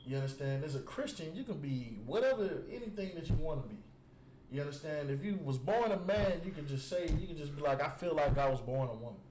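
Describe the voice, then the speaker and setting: A man's voice: a little high, lively intonation, fairly quick, a crowd in the background. A man preaching to a group, repeating his words for emphasis and often asking whether they understand. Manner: keeps asking "You understand?" after nearly every point; emphatic, repeats words while building a point. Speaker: religious teacher. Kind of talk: street preaching with call and response. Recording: echoey space with faint background noise.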